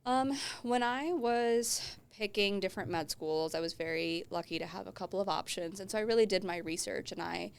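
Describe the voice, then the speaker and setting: A woman's voice: mid-range voice, moderate pace, vocal fry, hardly any pauses, clear, resonant tone. A woman in her twenties from Colorado, a medical student guest explaining her choices thoughtfully in a casual podcast interview. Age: 20s.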